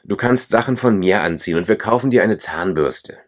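A man's voice: lowish voice, expressive, a little fast. A man voicing a caring, chatty middle-aged mother in a storybook, read plainly. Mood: reassuring. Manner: read plainly in the narrator's own voice.

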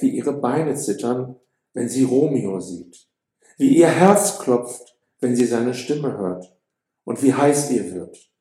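A man narrating a story for an audiobook in a calm, measured way. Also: mid-range voice, reverberant.

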